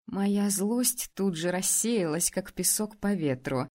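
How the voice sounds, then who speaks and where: A woman's voice: mid-range voice, expressive, slow, dark tone. Woman reading a story aloud. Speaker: audiobook narrator. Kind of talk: first-person story reading.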